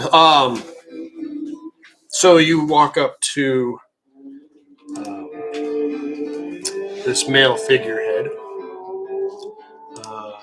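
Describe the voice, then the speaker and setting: A man's voice: medium pitch, drawn-out words, pauses often, over music, low-quality recording. A man narrating a tabletop game as dungeon master, loose and rambling with many fillers.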